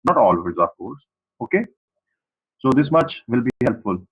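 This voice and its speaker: This man, a university lecturer from Pakistan, is a native Saraiki speaker with a Pakistani accent, and he gives an online lecture to his students. Very animated at normal speed with a medium, slightly rough voice, he addresses them directly and restates his points, though the recording is muffled.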